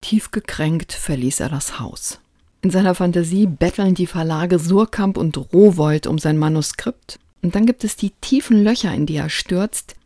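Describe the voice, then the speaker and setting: Low-voiced woman reviewing a book. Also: mellow, no echo, clean studio sound. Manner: measured, articulate presentation.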